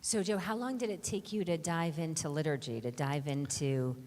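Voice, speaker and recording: Low-voiced woman interviewer in reverberant hall. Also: normal speed, darkish tone. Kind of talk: onstage interview. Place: synagogue sanctuary. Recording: echoey sanctuary with long reverb.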